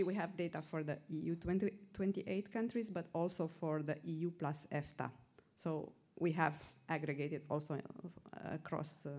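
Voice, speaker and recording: A woman presenter answering audience questions at a conference, measured and hesitant, with frequent fillers. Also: sits low, a little mellow.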